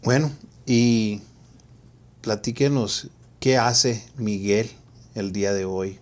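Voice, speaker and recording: A man's voice: lowish voice, steady tone, takes it slowly. A man hosting a podcast interview, asking questions and offering reflective, preacher-like encouragement. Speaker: podcast host.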